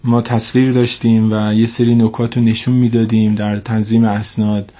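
His lowish, mellow voice comes out completely flat, and his nose is stuffy from a cold. Speaking as an expert in a radio interview, he is formal and hesitant and repeats points to drive them home.

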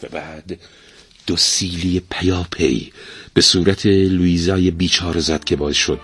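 A man reading a story aloud in an expressive storytelling manner. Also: deep voice. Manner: expressive reader, many character voices. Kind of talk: storybook narration.

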